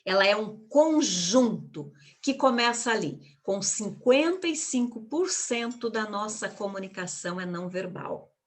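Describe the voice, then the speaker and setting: A woman gives an online lecture on public speaking over a video call microphone. She talks emphatically, stretches key words and keeps asking rhetorical questions of her audience. Her voice sits at an ordinary middle pitch for a woman. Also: animated, unhurried. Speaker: communication speaker, guest of an online live.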